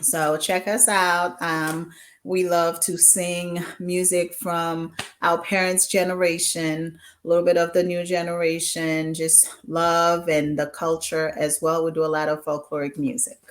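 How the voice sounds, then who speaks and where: A Haitian woman in her forties, a guest on an online show, chats casually in an interview, switching between English and Haitian Creole with plenty of ums. Her lowish voice is flat and measured, with a little hiss or hum in the background.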